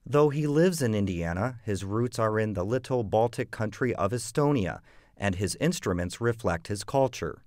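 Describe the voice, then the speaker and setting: A man narrating a TV feature story in scripted narration with an even, informative delivery. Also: lowish voice, moderate pace, no room sound, clean studio sound.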